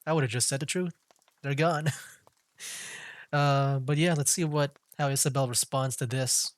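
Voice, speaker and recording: A streamer talks casually through a story game in a mid-range voice with fairly even intonation and a moderate pace. His let's-play commentary is chatty, with plenty of fillers and laughs.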